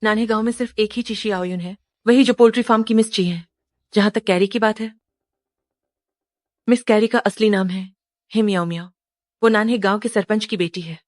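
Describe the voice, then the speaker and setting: A woman dubbing an assistant who briskly reports what she has found out. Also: mid-range voice, no echo, studio quality, lightly acted. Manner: brisk, matter-of-fact reporting. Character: efficient young assistant reporting findings. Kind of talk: dubbed drama acting.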